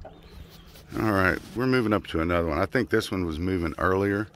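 Recording on a handheld phone camera from a small river boat, this fishing channel host, a man in his forties, talks in a low, fairly bright voice at normal speed. He's upbeat and chatty, with lots of fillers, and the water and boat add outdoor noise.

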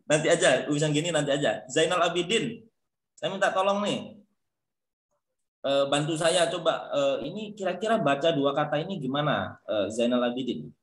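A man's voice: fairly high pitch, moderate pace, echoey room. Encouraging man teaching online. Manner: encouraging, calls on students by name. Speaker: lecturer. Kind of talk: online English pronunciation class. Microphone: video call.

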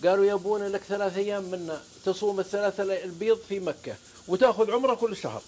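Man, Saudi accent, religious talk-show guest, high voice, faint background noise. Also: very fast, a little mellow. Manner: fervent, swears oaths, quotes scripture. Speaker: guest preacher.

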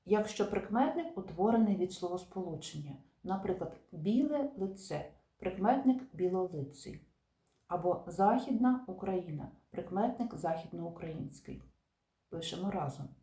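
A woman teacher calmly explaining spelling rules to viewers, stressing each example word. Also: fairly low pitch, moderate pace. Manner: calm, methodical, stresses example words. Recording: echoey room.

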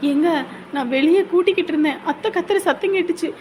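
A woman's voice: very high voice, quick pace, a little mellow, a little hiss or hum. A young woman playing a daughter-in-law who calls out anxiously for her husband. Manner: anxious, urgent calling out.

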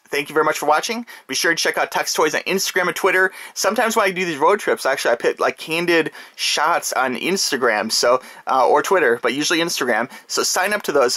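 A man chatting excitedly in a casual toy vlog, talking straight to his viewers and checking in with them often. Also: mid-range voice. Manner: excited, chatty, with many "okay?" asides to viewers. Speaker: toy collector vlogger. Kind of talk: casual unboxing vlog chat.

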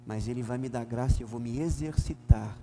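Emphatic gaúcho pastor teaching in a hall. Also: male voice, mid-range voice, brisk. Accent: southern Brazilian, Rio Grande do Sul. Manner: emphatic, swings from loud to soft, dramatizes dialogues. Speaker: pastor, Bible school teacher. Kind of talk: Bible lesson preaching. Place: church hall. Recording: reverberant church hall, faint hum.

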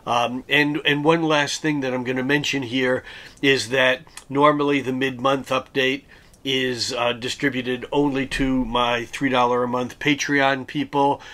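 A male astrologer talks through an astrology forecast, his voice raspy and hoarse as he recovers from an illness. He moves methodically from one date and planetary aspect to the next, at a mid-range pitch for a man. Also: flat delivery, measured pace, sharp tone.

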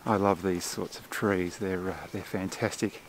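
A deep, flat male voice at a moderate pace, with slight background noise. The speaker, a landscape photographer in his forties, casually narrates his outdoor shoot in a forest and on a gorge lookout, chatting and explaining with many fillers into a handheld camera's mic at arm's length.

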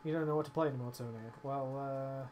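A man's voice: mid-range voice, fairly even intonation, fast, darkish tone, slight background noise. Man swearing through casual game chat. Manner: swearing, joking banter. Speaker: streamer.

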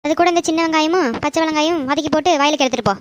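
A woman's voice: high-pitched, very fast, a little hiss or hum, close to an everyday voice. A woman voicing a bossy elderly grandmother handing out kitchen chores. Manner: instructing, matter-of-fact.

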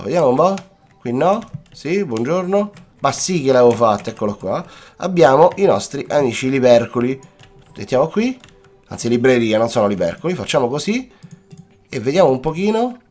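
A young Italian man giving chatty, playful gameplay commentary, talking to his viewers and mixing in English words, with a cough-worn voice. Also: medium pitch. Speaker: gaming YouTuber. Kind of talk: casual Let's Play commentary. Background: faint background music.

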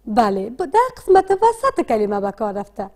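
A woman with a Dari accent teaching a literacy lesson, asking questions and answering them herself in a slow, deliberate way. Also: fairly high pitch, big pitch swings, warm tone. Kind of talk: classroom lesson.

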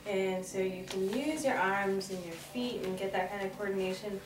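A woman's voice: medium pitch, normal speed. A young woman in her early twenties, a cello student, explaining her thoughts in an interview, recorded by a camera across a small room. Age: young adult. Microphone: camera mic at a distance. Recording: echoey room, far from mic, noisy.

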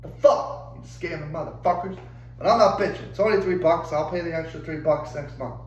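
A man's voice: fairly high pitch, a little fast, darkish tone, echoey room, dull audio, a little hiss or hum. A young adult man ranting angrily and profanely to camera, exasperated and swearing constantly. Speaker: vlogger. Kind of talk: angry rant to camera.

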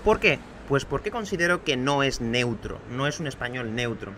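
Lively, bright-voiced Spanish teacher from Andalusia. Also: male voice, medium pitch, normal speed, slight background noise. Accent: Spain Spanish, light Andalusian. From Andalusia, Spain. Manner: patient explaining, addressing the listener directly. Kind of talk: podcast lesson answering student questions. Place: outdoor home terrace.

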